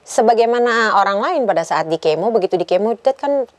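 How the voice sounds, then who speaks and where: A woman guest on a talk show telling an emotional personal story in earnest, dropping in English phrases and building up with quick repeated phrases. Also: medium pitch, expressive, no room sound.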